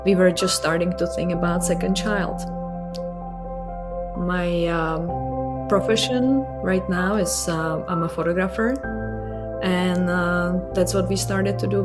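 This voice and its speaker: A woman in her thirties from the Czech Republic with a Czech accent, telling her story slowly with many pauses and fillers. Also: on the low side. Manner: hesitant, many fillers, reflective. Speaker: patient sharing her story. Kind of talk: personal testimony interview.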